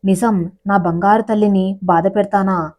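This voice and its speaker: A woman reads a doting middle-aged father in a spoken storybook, proud and a little sulky. He talks to his daughter in an affectionate, coaxing way, with a mellow, unforced tone. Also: medium pitch, fairly even intonation, measured pace, lightly acted. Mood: tender.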